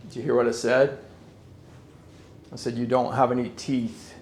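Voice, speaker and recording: A man investigating the paranormal, speaking to a spirit in a firm, measured way. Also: medium pitch, little pitch movement, a little mellow, reverberant, faint music behind. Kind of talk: calm address to a spirit.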